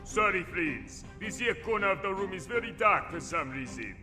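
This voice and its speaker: A man's voice: high-pitched, animated, moderate pace. A man voicing a crude, rambling warrior prince who talks in an oddly casual, slangy way, with music underneath. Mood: chummy. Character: gloomy then chummy male warrior prince, crude talker.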